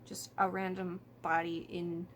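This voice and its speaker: A woman's voice: fairly low pitch, level tone, unhurried, slight background noise. A woman talking informally to camera about true crime, thinking aloud and hedging as she goes. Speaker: vlogger.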